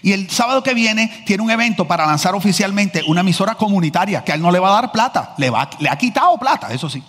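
A man preaching a sermon as pastor, telling stories in a lively, joking manner. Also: sits high, quick pace, breathy edge. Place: large church hall. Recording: echoey church hall.

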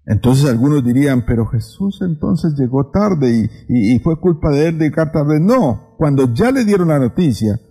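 A man giving a Bible lesson in a mellow, somewhat husky voice. He talks unhurriedly, with fillers and repeated phrases for emphasis. His voice carries a long, echoey hall reverb. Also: a little high, big pitch swings, normal speed, few pauses, faint music behind. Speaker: preacher. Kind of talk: Bible teaching talk.

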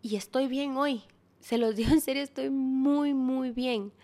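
A woman's voice: high-pitched, fairly even intonation, measured pace, warm tone. A young woman, hosting a podcast and giving frank, direct advice in a casual tone, swearing now and then. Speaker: podcast host.

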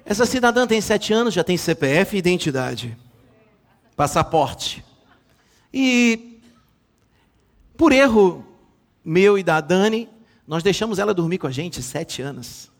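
A middle-aged bishop delivers a sermon full of comic family anecdotes. His voice sits high for a man and leaps all over the place, playful one moment and bursting into loud exclamations the next. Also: very animated, a little slow, pauses often. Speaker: bishop preaching.

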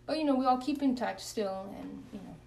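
Speaking briskly with a fairly high, darkish voice and some vocal fry, a Kenyan nun earnestly recounts her faith and leads prayer in an interview. There's slight background noise, and she sounds a little distant from the mic.

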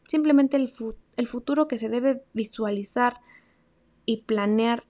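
A young woman with a Mexican accent hosting a casual advice podcast, chatty and slangy, swinging between loud emphasis and soft asides. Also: on the high side. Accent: Mexican Spanish. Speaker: podcast host.

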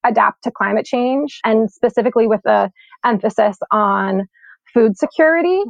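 Her voice is on the high side and gravelly, moving at normal speed with no room sound in a dull, lo-fi recording. A young climate scientist born in Sweden and raised in New York, she speaks relaxed and reflectively in an interview, full of "like" and "um."

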